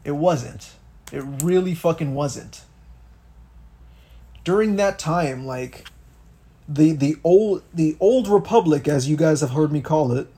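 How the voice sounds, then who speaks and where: A young man with a fairly high yet dark, mellow voice talks politics on a podcast. He rants casually and swears freely, often restarting his sentences as he thinks aloud. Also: husky. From Miami, Florida. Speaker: podcast co-host.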